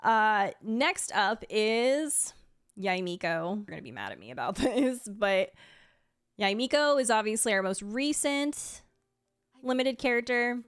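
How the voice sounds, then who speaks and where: In a clean, dry studio recording, a woman with a smooth mid-range voice stays unhurried yet very animated. A video creator and game streamer, she ranks game trailers in chatty, rambling reaction commentary with gushing asides, faint music behind her.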